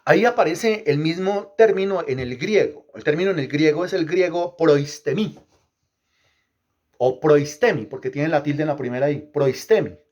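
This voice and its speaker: Pastor, male, fairly high pitch, emphatic teaching sermon, quizzes the congregation, repeats lines for rhythm. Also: brisk, hardly any pauses, darkish tone, highs cut off. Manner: asks the congregation questions and repeats phrases.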